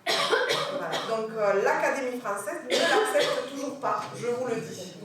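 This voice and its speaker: A woman French teacher giving an animated lecture on pronunciation, checking in with her audience as she goes. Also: a little high, unhurried, a crowd in the background. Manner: animated, corrects pronunciation, asks the audience questions. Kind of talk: lively classroom lecture. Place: lecture hall. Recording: echoey hall from far off, faint hiss.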